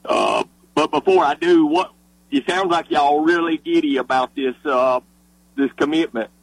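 A man's voice: on the high side, measured pace, creaky, husky, no room sound, rough recording. A man calling in to a radio sports show, chatting casually and hesitantly with plenty of fillers. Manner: hesitant, relaxed, with many fillers. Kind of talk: casual call-in chat.

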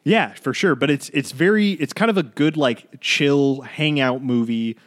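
A man's voice: medium pitch, unhurried. A man co-hosting a podcast, chatting loosely about films and rambling, with frequent swearing. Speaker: podcast co-host. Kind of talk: casual chat.

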